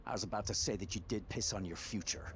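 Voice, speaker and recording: An actor playing a stern video game police lieutenant with a dry, sarcastic, commanding manner. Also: male voice, lowish voice, quick pace, a little hiss or hum, natural voice. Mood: stern, cold. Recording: music behind the voice.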